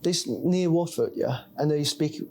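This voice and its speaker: A young student from Hong Kong talking casually in a halting way, with many fillers. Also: male voice, a little high, animated, vocal fry, darkish tone. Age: young adult. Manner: halting, frequent fillers like "yeah". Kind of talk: casual discussion.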